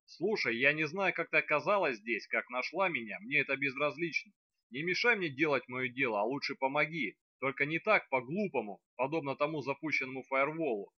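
A man's voice: medium pitch, animated, a little fast, no room sound, dull audio, natural voice. A man reading aloud voicing an angry, blunt young male necromancer who speaks curtly and insistently. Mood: stern. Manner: curt, insistent.

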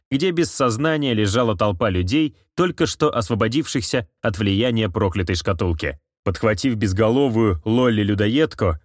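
Low-voiced male audiobook narrator. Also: no room sound, clean studio sound. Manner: steady, expressive storytelling. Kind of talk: scripted fiction narration.

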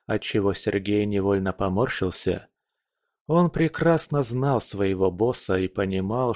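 A man narrating an audiobook in a calm, measured reading. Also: medium pitch, no echo, studio quality. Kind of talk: scripted narration.

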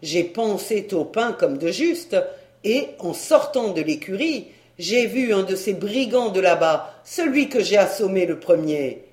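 A reader voicing a boisterous young male country servant who talks in rustic dialect, loud and excited. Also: medium pitch, unhurried, echoey room, close to an everyday voice. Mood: boastful.

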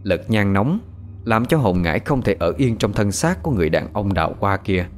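Low-voiced storyteller, lively. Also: male voice, soft background music. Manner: measured, dramatic. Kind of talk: dramatic narration of a ghost story.

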